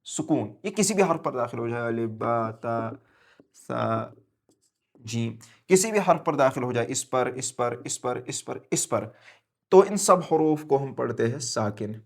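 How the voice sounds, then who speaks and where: A man teaching recitation rules in a classroom-style lesson, quizzing himself and answering, spelling out letters slowly and raising his voice to stress a rule. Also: medium pitch, lively intonation, vocal fry. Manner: asks questions and answers them himself, drills letters slowly; switches between quiet explaining and loud emphatic stress. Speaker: tajweed teacher.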